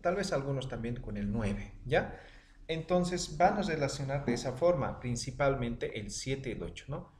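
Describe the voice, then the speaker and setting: A man's voice: expressive, normal speed, a little mellow, roomy sound, a little hiss or hum. A man teaching a language lesson online, drilling words aloud and checking in with his students after almost every line. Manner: drilling words with rising then falling pitch, checking in often.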